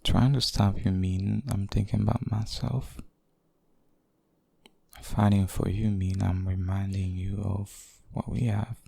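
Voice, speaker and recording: Low, intimate ASMR role-play by a man as boyfriend. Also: little pitch movement, creaky, breathy edge, dry recording, full character voice. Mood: earnest, devoted. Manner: intimate, hushed, halting and hesitant. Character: devoted, possessive, tender boyfriend comforting his partner. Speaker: audio role-play performer.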